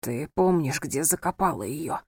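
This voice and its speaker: A woman reading a novel aloud and voicing a badly wounded young husband who talks quietly and with strain. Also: lowish voice, moderate pace, no room sound, studio quality, natural voice. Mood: weak, steady. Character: wounded young husband, weak, hushed, stoic. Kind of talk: audiobook character voice.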